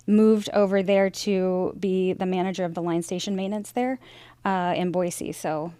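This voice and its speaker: A woman's voice: on the low side, fairly even intonation, normal speed, mellow, clean tone, no room sound. A woman in her forties, raised in Idaho, telling her career story as an interview guest in a chatty, rambling way. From Idaho, USA. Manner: chatty and storytelling, with frequent fillers and restarts. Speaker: interview guest, aircraft sales director. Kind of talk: conversational interview.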